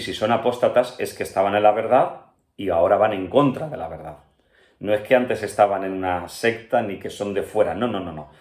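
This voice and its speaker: A pastor from Spain with a Spanish accent, teaching an earnest Bible-study sermon that speaks straight to the listener and keeps checking in with him. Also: male voice, fairly low pitch, echoey room. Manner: earnest, addresses listener directly with frequent "¿vale?" and "¿verdad?".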